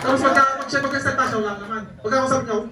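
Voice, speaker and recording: A man's voice: very high voice, fairly even intonation, racing, over a noisy crowd. A man telling jokey travel stories to a live audience, laughing often as he speaks, recorded from a distance in an event hall. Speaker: network marketing speaker. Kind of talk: storytelling talk to a live audience. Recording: echoey hall, distant mic, audience noise.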